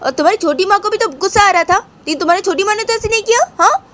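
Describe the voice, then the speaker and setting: A woman voices an elderly grandmother scolding her daughter-in-law, nagging and repeating herself in a shrill tone. She talks fast, and her tone is fairly bright.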